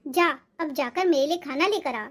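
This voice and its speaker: A woman's voice: high-pitched, moderate pace, fairly bright tone. A woman voicing a strict, controlling middle-aged mother-in-law who scolds sharply, for a cartoon. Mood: scolding. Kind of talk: cartoon voice acting.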